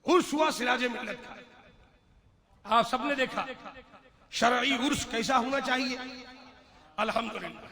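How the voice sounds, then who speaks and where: A man preaching with a very high, ringing voice, his fervent oratory rising and falling in force. A gathered crowd murmurs clearly behind him throughout the live address. He sounds like a cleric giving a sermon at a religious gathering. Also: a little slow, pauses often. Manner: fervent oratory, swinging from hushed storytelling to shouted declarations. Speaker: Islamic preacher.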